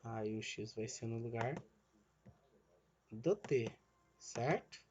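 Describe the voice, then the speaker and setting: A man's voice: medium pitch, slow pace, lo-fi sound, background noise. A male physics teacher gives a recorded online lesson. He explains each step and checks in with "né?" and "certo?", and he calls himself the teacher in the third person.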